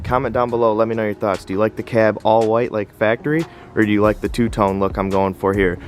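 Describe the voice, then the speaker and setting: A man in his twenties hosting a casual car vlog outdoors in the snow, a little out of breath from the cold, relaxed and full of fillers. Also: fairly low pitch. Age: 20s. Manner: relaxed, filler-heavy, enthusiastic. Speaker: car channel host. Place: outdoors in snow beside a truck.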